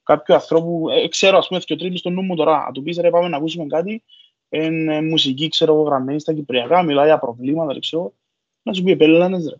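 A man's voice: a little high, dull audio. A man from Cyprus with a Cypriot Greek accent, chatting casually and colloquially on a podcast. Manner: colloquial, repeats filler phrases.

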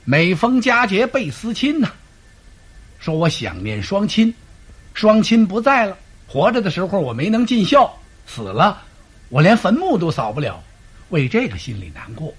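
A man's voice: fairly high pitch, sing-song, a little fast, breathy edge, full character voice. A man voicing a crafty, tearful middle-aged lord who speaks hesitantly in a storytelling performance. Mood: mournful.

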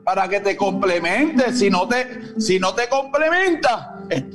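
A male pastor preaching a sermon in an exclamatory way, calling out to listeners by name and bursting into shouts. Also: high-pitched, lively intonation, measured pace, music in the background.

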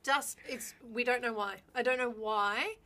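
A woman's voice: on the high side, measured pace, pushed and bright. A woman with a broad Australian accent chatting casually and frankly in a group. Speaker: conversation participant.

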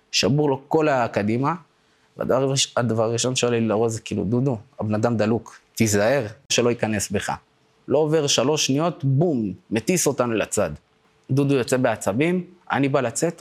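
Young man telling his story in fragments. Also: mid-range voice. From Israel. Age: 20s. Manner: fragmented, repeating words, slangy. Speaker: witness giving testimony. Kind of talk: recounted personal testimony.

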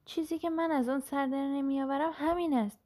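A woman's voice: high voice, fairly even intonation, darkish tone, pitched above the performer's own voice, close to an everyday voice. A woman voicing a blunt old village grandmother.

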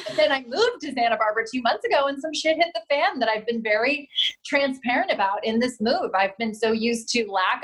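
A woman in her thirties, a relationship coach talking in a casual interview, animated and acting out quoted lines. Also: a little high, poor audio. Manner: animated, quick asides, acts out quotes. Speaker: heartbreak coach, guest.

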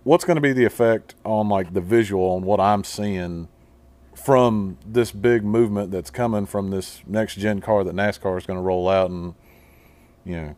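A man hosting a podcast, asking long, relaxed conversational questions. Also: lowish voice, normal speed, no room sound. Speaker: podcast host. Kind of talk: casual interview questions.

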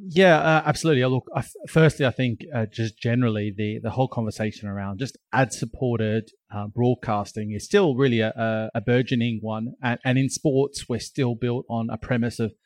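A man's voice: mid-range voice, fairly even intonation, a little fast, few pauses, dry recording. Male co-host, considered delivery full of restarts, dry close sound. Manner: thoughtful, with frequent restarts. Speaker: podcast co-host, chief executive. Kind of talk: casual podcast chat.

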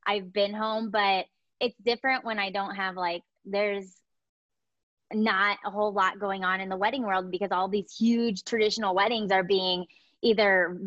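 A woman's voice: mid-range voice, fairly even intonation, moderate pace, fairly bright tone, no echo, highs cut off. A young woman, a photography educator, chatting as a podcast guest from home, upbeat and full of fillers. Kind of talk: casual interview chat.

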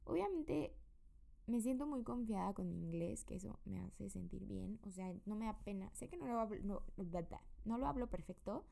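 A woman's voice: medium pitch, animated, normal speed, creaky, dark tone. A young woman with a Mexican accent, chatting through a rambling personal update for her podcast from her room. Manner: chatty and rambling, many fillers. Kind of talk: casual personal update monologue.

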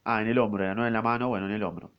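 A man's voice: fairly low pitch, fairly even intonation, rapid-fire, smooth, dull audio. A man with an Argentine accent reading a novel aloud casually, breaking in with slangy jokes. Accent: Argentine Rioplatense Spanish. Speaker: reader of a novel. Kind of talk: casual read-aloud with comments.

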